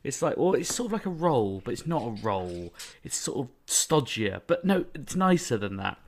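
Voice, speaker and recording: A man's voice: medium pitch, sing-song, normal speed. A man with a British accent hosting a podcast in casual, chatty style. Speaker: podcast host, journalist.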